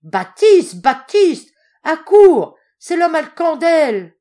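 A woman reading an audiobook, voicing a grumpy, hunched old female shopkeeper in a shrill, cracked voice with curt, grumbling replies. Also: sing-song, drawn-out words, a little mellow, full character voice. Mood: shrieking.

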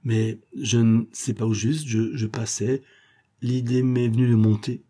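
A man's voice: mid-range voice, steady tone, unhurried, dark tone, natural voice. Man doing a stammering, shifty big rogue. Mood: protesting. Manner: stammering, protesting, feigned innocence. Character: huge, shifty, naive-acting male rogue. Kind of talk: audiobook character voice.

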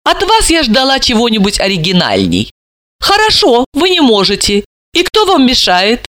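A man voicing a proud, sharp-tongued young woman who speaks in a defiant, mocking way in an audiobook. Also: very high-pitched, wildly swooping pitch, normal speed, no echo, pitched above the performer's own voice, heavily acted. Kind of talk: audiobook character reading.

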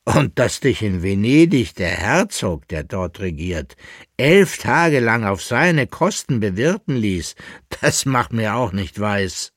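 Quarrelsome old gardener, read by a man; husky, close and dry. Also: fairly low pitch, very animated, slow, dry recording, full character voice. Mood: grumbling. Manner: grumbling, scolding.

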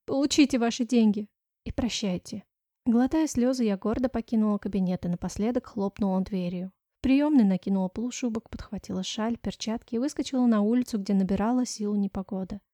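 A woman's voice: medium pitch, quick pace, hardly any pauses, warm tone, dry recording. Woman narrating an audiobook, dry sound. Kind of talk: scripted first-person narration.

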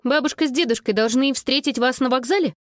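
A woman's voice: high-pitched, fast talker, no echo, clean studio sound, pitched above the performer's own voice, lightly acted. Woman doing a kind young woman stranger, easygoing, reassuring, storybook voice. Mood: friendly.

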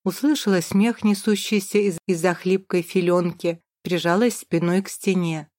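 A woman's voice: medium pitch, a little mellow, dry recording, studio quality. A woman narrating a first-person novel in a dramatic, vivid storytelling manner. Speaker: audiobook narrator.

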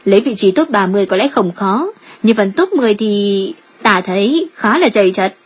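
A woman voicing a calm, shrewd female guild strategist in a measured, reasoning tone. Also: medium pitch, breathy edge.

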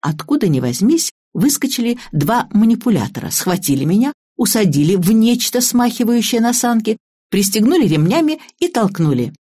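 A woman narrating an audiobook in the first person, in a lively, expressive way. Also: medium pitch, slightly rough.

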